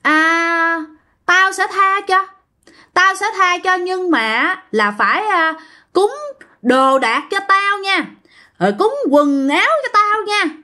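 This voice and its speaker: Woman voicing a shrill, snarling vengeful tree spirit. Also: expressive, slow, bright, forceful tone, heavily acted. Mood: grudging, demanding.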